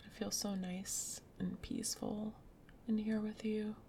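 A woman whispering softly in a gentle, soothing ASMR roleplay as a caring girlfriend. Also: mid-range voice, level tone, unhurried, slight background noise. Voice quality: soft whispery. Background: rain sounds.

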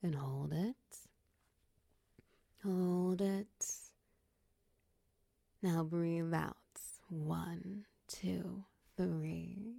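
A woman voicing a motherly, possessive snake-tailed woman in a soft, close, whispered ASMR roleplay, coaxing and soothing. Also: fairly low pitch, fairly even intonation, very slow, pauses often, no echo, exaggerated voice. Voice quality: breathy whisper.

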